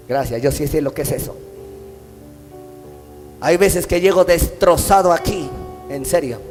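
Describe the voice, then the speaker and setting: A Mexican man preaching a sermon as pastor, impassioned, his phrases swelling into sung, drawn-out lines. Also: a little high, darkish tone. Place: church hall. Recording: long church-hall reverb with faint instrumental music.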